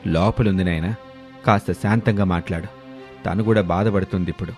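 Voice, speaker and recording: Man doing a kind, soft-spoken old father-in-law. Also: fairly even intonation, brisk, soft background music, lightly acted. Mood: gentle. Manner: low, soft-spoken and soothing. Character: gentle older father-in-law, kind and calm.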